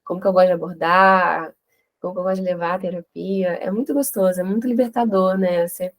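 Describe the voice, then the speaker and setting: A woman's voice: lowish voice, steady tone, fast. Enthusiastic young-sounding woman therapist. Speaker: new therapist. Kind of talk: group discussion.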